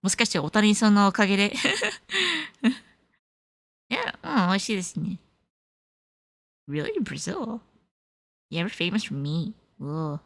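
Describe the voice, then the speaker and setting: Her mid-range voice is gravelly and a little slow, with frequent pauses and no room sound. She's a young California woman hosting a stream, casually chatting with viewers in a mix of Japanese and English and laughing a lot.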